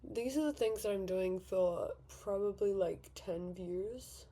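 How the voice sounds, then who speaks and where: Speaking slowly in a warm, medium-pitched voice, an eighteen-year-old woman from Victoria with an Australian accent does a get-ready-with-me vlog at her bedroom vanity. She chats and rambles a little while doing her makeup, often self-deprecating.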